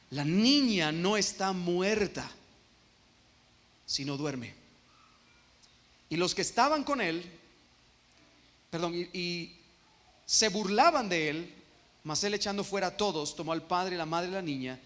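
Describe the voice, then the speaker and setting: A man with a Guatemalan Spanish accent preaching an expository sermon as pastor, emphatic and slowing down on key phrases. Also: a little high, a bit bright. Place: church sanctuary. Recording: long reverb of a church hall.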